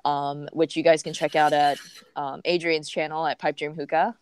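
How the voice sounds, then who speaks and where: A woman's voice: sits low, flat delivery, moderate pace, clear, resonant tone. A woman joining a livestream over a remote call as a guest, giving frank opinions and thinking aloud with many fillers. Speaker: guest co-host. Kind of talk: casual livestream chat.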